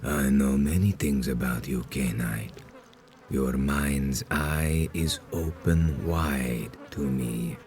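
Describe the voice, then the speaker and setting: An extremely deep-voiced ancient vampire leader, slow and solemn. He delivers grandiose video game villain speeches with cold menace, weighing each phrase deliberately. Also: fairly even intonation, darkish tone, soft background music, heavily acted. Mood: commanding menace.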